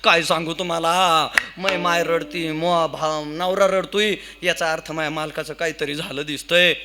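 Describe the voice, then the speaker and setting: A man's voice: on the high side, steady tone, moderate pace, sharp tone, pitched below the performer's own voice. A man voicing a tearful young, illiterate village wife in a told story, speaking in a whining way.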